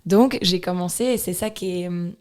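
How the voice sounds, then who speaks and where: A young Swiss woman with a Swiss French accent, a dancer chatting as a podcast guest, telling her story with animated restarts. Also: lowish voice, moderate pace. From Switzerland. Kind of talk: casual interview chat.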